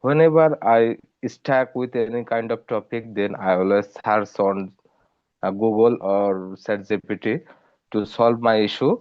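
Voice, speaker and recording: A man student with a Bangladeshi accent answers in English haltingly. His voice is smooth and resonant, and he speaks very slowly. The online audio sounds dull and lo-fi. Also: fairly low pitch.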